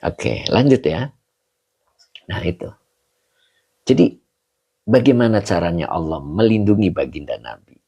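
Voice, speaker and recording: A male religious teacher, teaching Arabic grammar on a live stream and greeting viewers' comments, with a slow, explaining manner. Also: sits low, expressive, gravelly, dark tone, slightly rough, lo-fi sound. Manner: explains slowly, with rising checks like "begitu ya". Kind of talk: livestreamed Arabic grammar lesson.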